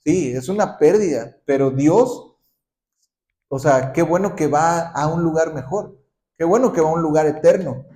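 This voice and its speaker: A man pastor preaching a sermon, often asking the congregation questions and ending points with a quick "¿sí?". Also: on the high side, warm tone. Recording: roomy echoing hall.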